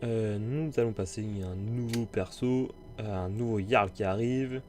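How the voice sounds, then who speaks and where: A man's voice: fairly low pitch, unhurried, a little mellow. Game master, male, casual storytelling at the table, takes his time, music under the voice.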